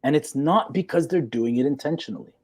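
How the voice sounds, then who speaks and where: A man's voice: fairly high pitch, expressive, a little fast. Man, forties, psychologist guest, assertive, explaining, rhetorical asides. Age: 40s. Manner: assertive, lecturing with rhetorical "okay?" checks. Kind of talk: live chat discussion.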